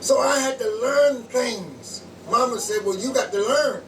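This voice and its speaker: Slow, high-voiced man preaching in an echoey room. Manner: slow preaching in short phrases, pausing for translation. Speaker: pastor. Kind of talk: sermon with interpreter. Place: small home church. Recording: echoey room from far off, loud room noise.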